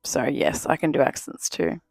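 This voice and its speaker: A young woman, co-hosting a casual podcast. She laughs in loud bursts and swears casually. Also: moderate pace, dry recording. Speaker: podcast co-host. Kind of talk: casual chat.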